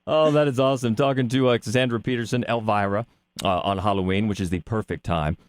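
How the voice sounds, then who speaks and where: A man's voice: on the low side, fairly even intonation, fast talker, dry recording. A man co-hosting a podcast in a casual, conversational interviewing style.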